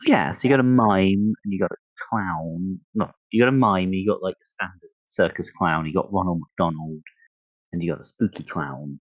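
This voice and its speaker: A man hosting a podcast in casual chat, thinking aloud in a halting way. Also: deep voice, no room sound, phone-quality sound. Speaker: podcast host.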